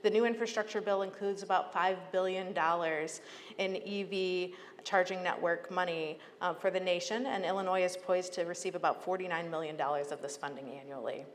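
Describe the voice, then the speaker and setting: An American woman who leads a public agency delivers a prepared advocacy speech to a conference, earnest, persuasive, and emphatic. Her voice is fairly low and steady, a little fast, and the echoey hall leaves clear background noise.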